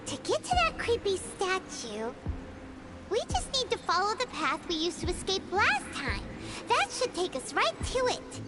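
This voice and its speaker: Tiny excitable fairy companion, very high squeaky childlike voice, anime game dub, lively intonation, loud music. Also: female voice, a little slow, heavily acted. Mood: chatty, plucky. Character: small plucky female fairy-like companion, excitable.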